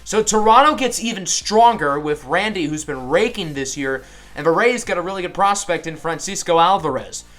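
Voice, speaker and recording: A young man giving upbeat, excitable sports-announcer style play-by-play over a baseball video game, recorded at a desk mic in a home setup. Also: high voice, moderate pace, few pauses. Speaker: gaming YouTuber.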